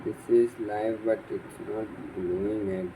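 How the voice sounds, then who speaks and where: A man vlogging about his electronics project, thinking aloud in a halting way and often restarting sentences, sounding sleepy. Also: on the low side, steady tone, background noise. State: sleepy, yawning. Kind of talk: thinking aloud while tinkering.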